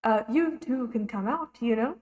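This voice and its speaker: A kindly, fussy mother goose with many heads, put on by a woman running a tabletop game. She talks softly and politely in a slightly raised voice. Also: on the high side, normal speed, natural voice. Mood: gentle. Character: motherly many-headed female goose, gentle and proud.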